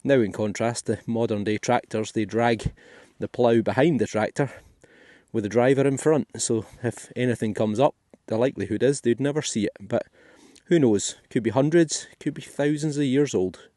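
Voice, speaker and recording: A man's voice: medium pitch, normal speed, warm tone, no room sound, clean studio sound. A Scottish man giving chatty, thinking-aloud commentary as he digs finds in a field for his metal detecting vlog. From Scotland. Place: outdoors in a field.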